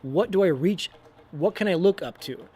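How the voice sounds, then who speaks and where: Animated young man in casual talk. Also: high voice, normal speed, slightly rough. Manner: animated, acts out quotes, says man and dude a lot. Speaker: podcast co-host. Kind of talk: casual faith and motivation chat.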